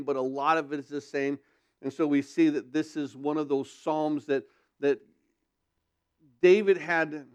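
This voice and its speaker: A man's voice: a little high, a little mellow, clean tone. A male pastor at a pulpit microphone, teaching a sermon and posing rhetorical questions to his congregation. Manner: asks rhetorical questions, then answers them.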